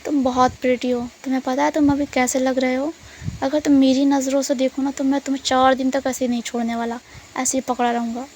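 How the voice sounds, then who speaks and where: A woman voicing an adoring, teasing young man in love, speaking low and coaxing in her own high voice. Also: level tone, fairly quick, a little mellow, slight background noise, close to an everyday voice. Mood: intimate, teasing.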